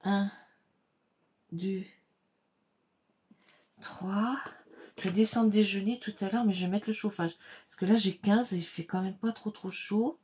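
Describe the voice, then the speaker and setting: A woman hosting a card-making tutorial at her home craft table, explaining each step in a chatty, unhurried way with many fillers. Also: medium pitch, fairly even intonation, darkish tone, breathy edge.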